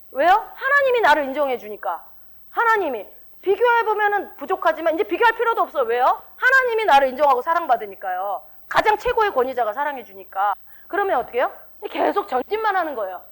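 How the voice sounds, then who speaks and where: A woman's voice: extremely high pitch, very animated, fast talker, a bit bright. A middle-aged woman pastor giving a sermon in a conversational way, often putting questions to her congregation. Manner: conversational preaching with frequent rhetorical questions to the congregation.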